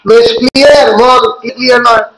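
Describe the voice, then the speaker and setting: Bengali-accented male teacher, high voice. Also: steady tone, a little fast, a bit bright. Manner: explains step by step, asks students rhetorical questions. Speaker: college teacher. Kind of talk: lecture in Bengali mixed with English. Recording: echoey room.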